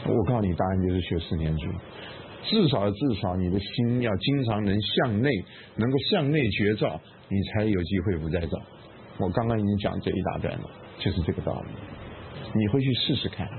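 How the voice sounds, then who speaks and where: A man giving a Buddhist dharma lecture to a class, emphatic, repeating phrases and asking rhetorical questions. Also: lowish voice. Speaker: Buddhist meditation teacher. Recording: narrow phone-like sound with faint noise.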